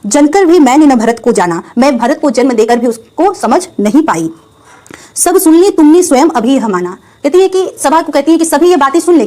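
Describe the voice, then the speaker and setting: A woman's voice: sits high, darkish tone. A woman teacher reading verses of a Hindi poem aloud, then explaining each line in plain words and answering her own questions. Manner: reads verses, then paraphrases in simple terms.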